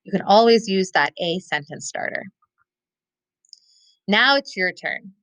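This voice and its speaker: A woman teacher giving a recorded lesson, thinking aloud step by step and slowing down to stress key words. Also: medium pitch, expressive, a bit bright, clean tone, dry recording, low-quality recording. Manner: models thinking aloud, slows to stress keywords.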